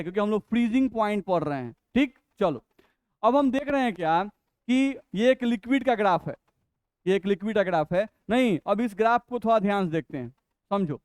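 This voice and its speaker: High-voiced man teaching chemistry, dry sound. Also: a little mellow, smooth, no room sound. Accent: Bihari Hindi. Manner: explains step by step, asks and answers his own questions; reads English definitions slowly and deliberately. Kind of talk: classroom lecture.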